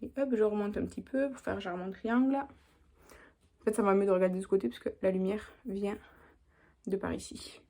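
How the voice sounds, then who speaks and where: A woman's voice: medium pitch, fairly even intonation, normal speed, creaky, long pauses, dark tone. A young woman, chatting casually through a makeup tutorial as she works. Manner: chatty, talks while working, lots of little "hop"s. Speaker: beauty vlogger.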